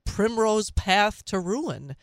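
Minnesota accent lady doing talk radio, clear smooth voice, dry close sound. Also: medium pitch, animated, slow, no echo. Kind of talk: conversational political talk.

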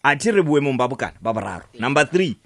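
A man's voice: mid-range voice, sing-song, fast talker, creaky, a bit bright. A man with a South African Sotho accent, hosting a radio interview programme. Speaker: radio talk show host.

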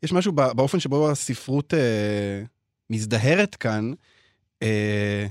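A man discussing literature in a hesitant way, full of pauses and restarts. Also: medium pitch, darkish tone, dry recording, clean studio sound. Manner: hesitant, many fillers and restarts. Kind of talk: casual discussion.

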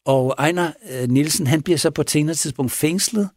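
A man who is a police officer, retelling a case in a casual interview, halting with pauses and restarts. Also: on the high side, darkish tone, dry recording, studio quality. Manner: halting, with many pauses and restarts, acts out quoted speech. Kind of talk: casual spoken storytelling in an interview.

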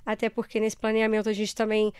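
A woman's voice: mid-range voice, monotone, fast talker, darkish tone, clean tone, no echo. A Brazilian woman with a carioca accent from Rio, answering conversationally as an interview guest in a reflective, explanatory way. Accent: Brazilian, Rio de Janeiro (carioca). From Ceará, Brazil.

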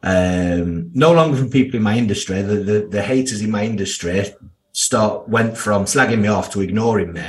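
A man's voice: lowish voice, normal speed. A man in his thirties with a strong Yorkshire accent, talking candidly as an interview guest in a blunt, down-to-earth, slangy way. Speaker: podcast guest, financial services professional.

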